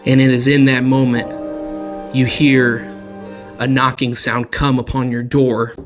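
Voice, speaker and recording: A man narrating a tabletop game as dungeon master in a slow, deliberate storytelling manner. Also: medium pitch, little pitch movement, music in the background.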